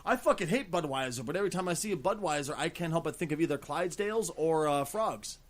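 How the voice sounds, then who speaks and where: A man hosting a casual gaming podcast, talking in an excitable, rambling, profane way. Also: on the high side, fast. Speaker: podcast host.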